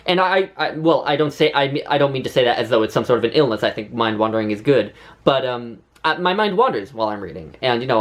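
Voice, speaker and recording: A man talking casually and reflectively in a vlog, with a lisp and whistling s sounds, often rambling and correcting himself. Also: medium pitch. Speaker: book vlogger. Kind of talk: casual reflective talk to camera.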